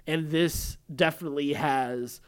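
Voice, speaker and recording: A man co-hosts a podcast of casual pop-culture talk, rambling in an earnest, effusive way. His voice sits fairly high with fairly even intonation, and he speaks unhurriedly and smoothly.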